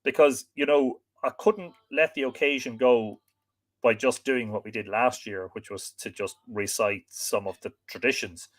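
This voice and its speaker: An Irish man hosts an informal livestream in a lilting voice. His pitch sits in the middle range for a man. He talks like a storyteller chatting casually with the people who have tuned in. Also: normal speed. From Ireland. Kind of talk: informal livestream chat, reading out viewer greetings.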